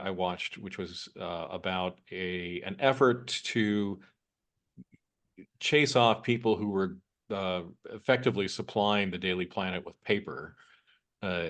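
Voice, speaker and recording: A man's voice: low voice, fairly bright tone. A man in his fifties co-hosting a podcast, recounting things casually in a wry, anecdotal way. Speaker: podcast co-host. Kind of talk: casual chat.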